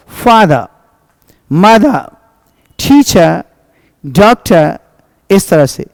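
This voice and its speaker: A man's voice: high voice, creaky, darkish tone, no room sound. A man teaching English pronunciation in a classroom lesson, speaking Indian English and switching between Hindi and English as he spells out example words.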